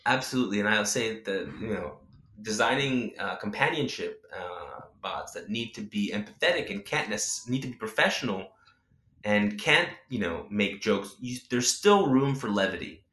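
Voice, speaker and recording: A man talks in a casual interview with a bright, forceful voice. He is animated and opinionated, and often restarts his sentences as the thoughts pile up. The sound is roomy and echoey. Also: lowish voice, normal speed. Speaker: guest, chatbot character designer. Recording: echoey room.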